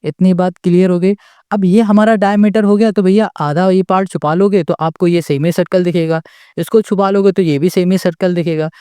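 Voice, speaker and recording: A patient maths tutor walks through a problem step by step. The voice is warm and mellow. The tutor keeps asking rhetorical questions, checks in after every point, and is recorded dry and close with no room sound. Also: medium pitch, steady tone, fairly quick, clear, resonant tone, dry recording. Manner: asks the class rhetorical questions and checks in with "okay?" often; patient and repetitive, restating each step.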